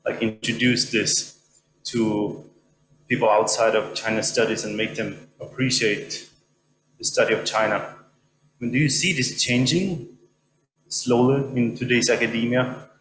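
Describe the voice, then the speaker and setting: A man from Sweden in the audience asking a question at an academic lecture, talking haltingly with many restarts. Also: mid-range voice, steady tone, a bit bright. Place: lecture hall. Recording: echoey hall with faint hum.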